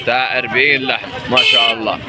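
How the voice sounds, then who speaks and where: A man's voice: medium pitch, fairly even intonation, rapid-fire. A man with an Upper Egyptian accent hosting at an outdoor livestock market, haggling with short repeated questions and echoing the prices. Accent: Upper Egyptian Arabic. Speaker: market video host asking prices. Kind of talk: casual street interview with price haggling. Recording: very loud crowd and street noise.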